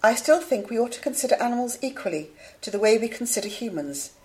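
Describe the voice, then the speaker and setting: A woman playing a composed academic in a scripted debate, formal and measured. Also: fairly high pitch, expressive, a little mellow, close to an everyday voice. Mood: composed, reasoning. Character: composed female academic debater defending animal equality. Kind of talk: scripted studio debate for a listening exam.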